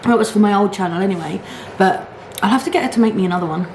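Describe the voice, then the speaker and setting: A middle-aged woman vlogs in a casual, chatty style with an animated, grumbling manner. Her voice sits at an average pitch. The room is echoey, with some noise in the background. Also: very fast. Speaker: mukbang vlogger. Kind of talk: casual chatty rant to camera.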